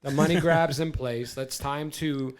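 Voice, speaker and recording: A man's voice: on the high side, steady tone, measured pace. A man in his forties co-hosting a podcast in casual chat, rambling and stammering with plenty of swearing. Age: 40s. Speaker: podcast co-host.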